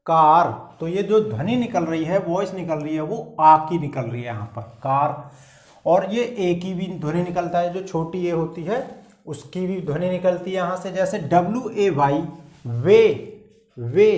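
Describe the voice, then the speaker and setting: A man with a Hindi accent teaching an English lesson step by step, often checking with "clear?". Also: sits high. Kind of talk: classroom-style lesson. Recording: echoey room.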